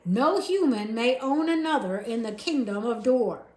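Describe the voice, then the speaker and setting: A woman voicing a dutiful male soldier who speaks formally and shouts slowly to be understood, recorded in an echoey room. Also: a little high, animated, lightly acted.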